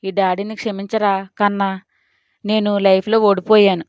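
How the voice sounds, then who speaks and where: A woman reading out a grieving young father in a storybook drama, sorrowful and earnest. The voice is smooth, close and a little dull in sound. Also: medium pitch, level tone, moderate pace, darkish tone, dry recording, lightly acted. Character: heartbroken young father holding his newborn.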